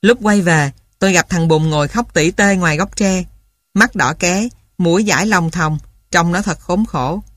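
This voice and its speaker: Woman, audiobook narrator, calm even reading, low voice, dry close sound. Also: normal speed, no room sound. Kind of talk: scripted storybook narration.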